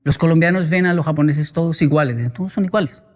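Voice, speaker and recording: A man's voice: a little high, fast, darkish tone. A man giving a motivational talk with humorous anecdotes, answering audience questions and acting out quoted voices and sounds. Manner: playful storyteller, acts out quoted voices and sounds. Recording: long hall reverb.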